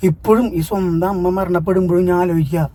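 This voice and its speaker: A man's voice: high-pitched, fairly even intonation, quick pace, warm tone. A Malayali man telling a family story to his viewers, earnest at times and heated when he scolds commenters. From Kerala, India. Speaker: family vlogger. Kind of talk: casual vlog talk to viewers.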